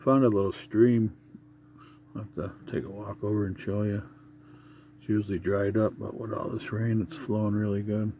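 A man's voice: on the low side, warm tone, slight background noise. A man recording a casual camping video diary inside a camper, talking in a plain, matter-of-fact way on a handheld phone. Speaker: camping vlogger. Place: inside a camper, rain outside.

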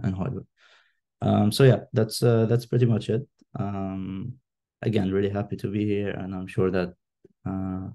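A man from Lebanon with a low, mellow voice speaks over a video call. He gives his candidate statement in a fairly even tone, pausing often on fillers. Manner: hesitant, many fillers. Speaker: election candidate. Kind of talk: online meeting statement.

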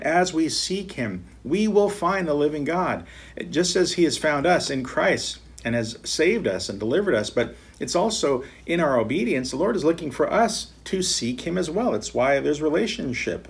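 A middle-aged American man, a pastor teaching Bible study from his home office desk, earnestly reading scripture aloud with slow emphasis. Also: medium pitch, husky.

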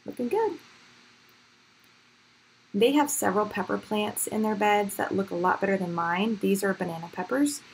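On an evening in her backyard garden, the host of a home gardening vlog gives an upbeat, chatty tour, speaking straight to viewers through a handheld camera or phone. Her medium-pitched voice moves at a moderate pace with frequent pauses, and the poor outdoor audio carries faint ambient background noise.

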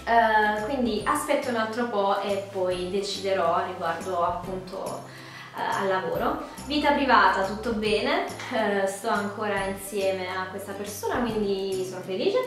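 A woman's voice: medium pitch, a little slow. A woman, chatting casually to camera with a cold, her voice nasal and duck-like. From Puglia, southern Italy. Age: 20s. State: congested from a cold, sore throat, duck-like nasal voice. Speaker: vlogger. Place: small bedroom indoors. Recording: very echoey room, music behind. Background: music.

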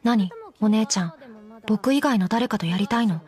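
An actress voicing a deadpan undead doll girl who teases dryly in an in-character anime commentary. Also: medium pitch, normal speed, soft background music, lightly acted. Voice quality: flat, emotionless delivery. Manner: teasing, dry deadpan jokes. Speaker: commentary co-host.

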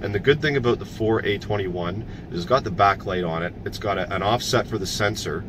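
A man in his thirties, an HVAC technician from Canada, explaining a repair step by step in a relaxed, plain-spoken way. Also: fairly low pitch, brisk, background noise. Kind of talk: casual how-to explanation. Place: parked work van, then a commercial building.

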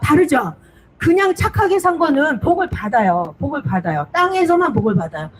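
A woman's voice: high-pitched, sing-song, brisk, rough recording. A woman preacher telling a Bible story in a simple storytelling sermon, repeating words for emphasis and asking her listeners questions. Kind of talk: children's-style sermon storytelling.

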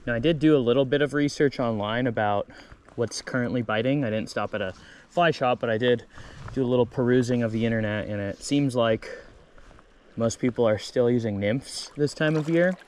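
Relaxed young man vlogging outdoors. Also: medium pitch, a little fast, a little hiss or hum. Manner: relaxed, chatty, self-deprecating. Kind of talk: casual outdoor vlog narration. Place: outdoors by a river in a forest. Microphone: action camera, handheld or chest-mounted.

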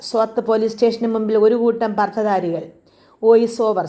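A woman reading a documentary script aloud at a steady, even pace, announcing each scene. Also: a little high. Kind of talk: read-aloud script narration.

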